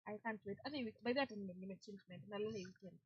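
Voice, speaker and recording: A woman's voice: mid-range voice, rapid-fire, breathy edge, no room sound, dull audio. A young Kenyan woman co-hosting a radio show, chatting casually and mixing in Swahili slang. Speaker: radio co-host. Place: radio studio.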